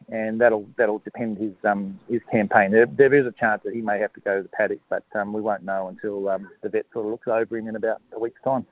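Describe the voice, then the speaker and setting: A man giving a casual radio interview as a horse trainer, hesitant, matey and low-key. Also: no echo. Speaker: harness racing horse trainer, interview guest. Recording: narrow, lo-fi phone-like line.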